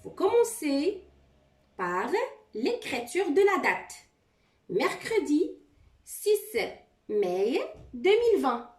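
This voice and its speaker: Woman, primary teacher, high voice, slow patient instructions, echoey room. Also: big pitch swings, a little mellow. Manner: slow, step-by-step instructions with frequent check-ins. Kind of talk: recorded handwriting lesson for children.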